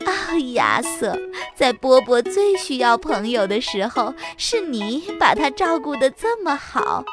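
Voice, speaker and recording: A kindly, gushing neighbor lady from a children's storybook, as a woman storyteller puts her on. Her voice rises a little and lingers warmly on each phrase. Soft music plays under her. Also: high-pitched, sing-song, a little slow. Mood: grateful. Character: kind, relieved older neighbor lady.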